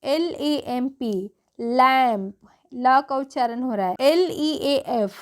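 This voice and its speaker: Slow, high-voiced woman teaching phonics. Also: smooth. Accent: Hindi. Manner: spells words letter by letter, asks and answers her own questions. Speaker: English teacher. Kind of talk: phonics lesson for beginners.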